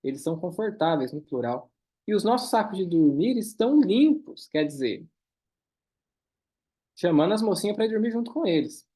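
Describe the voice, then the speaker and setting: A man teaching a German class, reading lines slowly and then explaining them quickly. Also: high voice, sing-song, mellow. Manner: switches between slow careful German and quick explanations. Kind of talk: online class, reading dialogue and translating.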